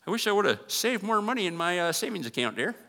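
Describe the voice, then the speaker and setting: A man's voice: sits high, big pitch swings, fast, creaky, bright, forceful tone, in a large hall, pitched above the performer's own voice, exaggerated voice. A man putting on a musing old man's voice. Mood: wistful. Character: wistful old man musing about savings.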